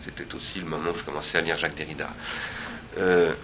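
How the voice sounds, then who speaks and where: A man with a deep voice and a bright, forceful edge talks through ideas at an academic seminar. He is digressive and reflective, and often hesitates and restarts his phrases. He is speaking in a seminar room, with faint ambient noise behind him. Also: little pitch movement, fast talker.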